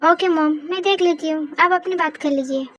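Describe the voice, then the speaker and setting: Over a noisy background, a woman with a very high-pitched voice speaks at a moderate pace. She plays a shy, flustered young woman, a bride-to-be who keeps embarrassedly pleading with her elders in a fan-fiction voice story.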